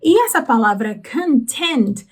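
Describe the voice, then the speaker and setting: A woman with a Brazilian Portuguese accent teaching English through song lyrics, explaining patiently and slowing down on words. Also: high voice, expressive. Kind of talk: explaining lyrics in a language lesson.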